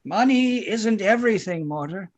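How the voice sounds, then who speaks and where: A pompous, smug old tycoon played by a man holds forth in a high voice. His condescending delivery swings widely in pitch, in a comedy table read. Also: animated, moderate pace. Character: smug elderly male tycoon, self-styled visionary.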